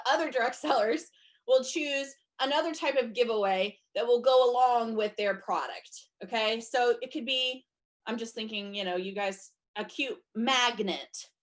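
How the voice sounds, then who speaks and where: A woman coaching sellers in a chatty instructional talk, slightly hoarse from losing her voice and often checking in with her listeners. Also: a little high. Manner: chatty, checks in with "okay?" and "you guys". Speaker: direct sales trainer.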